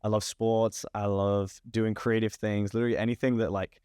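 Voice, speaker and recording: A young man in his twenties, a podcast guest chatting in a relaxed, upbeat way and laughing often. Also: on the low side, normal speed, clear, resonant tone, dry recording, clean studio sound. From England. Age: 20s. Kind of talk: casual podcast chat.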